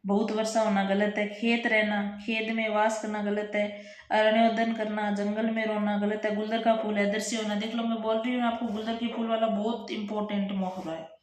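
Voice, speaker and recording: A woman's voice: mid-range voice, flat delivery, reverberant, a little hiss or hum. A woman teaching a Hindi grammar revision lesson, reading out exam options and correcting them for students. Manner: explains quickly, reads options aloud and corrects them; addresses students directly, often says "bhai".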